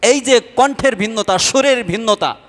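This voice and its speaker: Man, preacher, sermon, high voice, asks the audience questions and answers them, long hall echo. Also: normal speed, fairly bright tone. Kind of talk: Islamic sermon.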